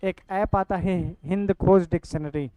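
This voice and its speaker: A man's voice: sits high, measured pace, warm tone, smooth, dry recording, poor audio. A young man, explaining a course lesson casually and checking in often with "theek hai". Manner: repeats "ठीक है" and addresses students directly. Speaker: online coaching teacher.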